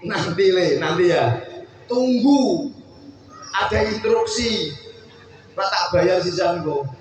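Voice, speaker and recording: Javanese male preacher, very high and unhurried, teasing the congregation between sung lines; heavy echo. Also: expressive, a little hiss or hum. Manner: jokes and quizzes the audience, breaks into slow sung refrains. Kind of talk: humorous sermon with sung verses. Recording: echoey far-off hall mic with music. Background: music band.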